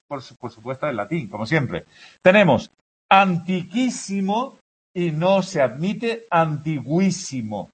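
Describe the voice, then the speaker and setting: Husky man teaching grammar. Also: fairly high pitch. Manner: explanatory, checks understanding with frequent "¿de acuerdo?". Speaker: language teacher. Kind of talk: grammar lesson to a class.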